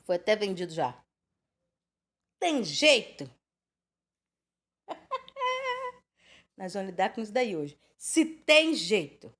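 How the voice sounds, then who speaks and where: A woman's voice: medium pitch, huge pitch swings, slow pace, long pauses, a bit bright. A woman in her twenties or thirties from Brazil giving an informal Bible teaching, chatty and rambling, full of rhetorical questions. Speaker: preacher.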